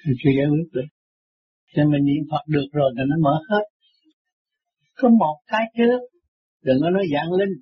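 A man giving an informal Buddhist teaching in a blunt, repetitive, scolding manner, with a husky voice. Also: on the high side, fast, dull audio. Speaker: spiritual teacher.

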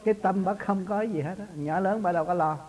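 Guy, kinda high voice, spiritual teacher chatting casually, laughs a lot. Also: brisk, darkish tone, rough recording. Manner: chatty, laughs often, folksy storytelling. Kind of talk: casual religious talk.

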